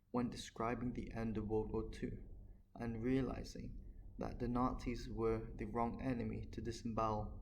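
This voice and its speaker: A man giving an earnest, measured political monologue, talking on his own without a script. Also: mid-range voice, vocal fry, darkish tone, a little hiss or hum, rough recording. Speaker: political commentator. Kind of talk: unscripted solo monologue.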